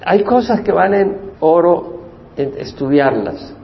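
A pastor teaching a Bible study, explaining the meanings of Hebrew words and repeating key terms for emphasis. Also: male voice, sits high, sing-song, takes it slowly, creaky, long reverb tail, muffled recording. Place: church.

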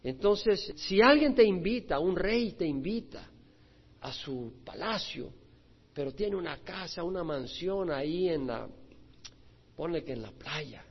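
A male pastor, preaching an expository sermon with animated swings between loud and soft and acted-out quoted voices. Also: fairly high pitch, unhurried, breathy edge. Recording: dull lo-fi recording.

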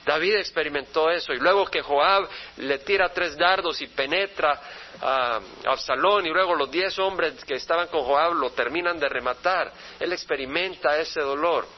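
A male pastor reading scripture aloud and then preaching on it, turning to his listeners with rhetorical questions. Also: on the high side. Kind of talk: sermon, Bible study. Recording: dull lo-fi radio broadcast.

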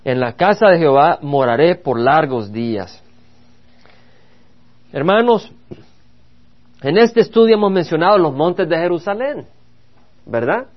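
A male pastor preaching in a fairly high voice, reading verses and then stressing them with fervour. The recording is dull and lo-fi, with the top end rolled off. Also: animated, unhurried, long pauses. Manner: preaching with rising emphasis, reading scripture aloud. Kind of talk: Bible study sermon.

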